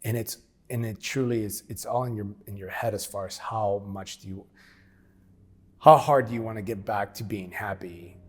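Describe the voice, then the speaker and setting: Recounting his past as an interview guest, a former military operator in his 40s speaks plainly and frankly, regularly acting out conversations. His husky voice sits on the low side at a moderate pace.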